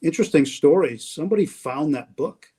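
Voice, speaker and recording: A radio play-by-play announcer, on as a guest over a video call, swaps stories about colleagues in a warm, reminiscing way with restarts. His voice is husky and on the high side, fairly quick with lively intonation.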